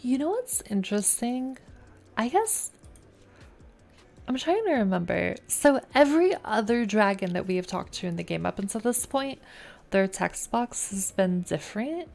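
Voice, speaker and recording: A woman's voice: mid-range voice, expressive, normal speed, vocal fry, darkish tone. A woman with an American accent giving casual live commentary as she streams a game. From United States. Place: indoors at a PC, game music behind.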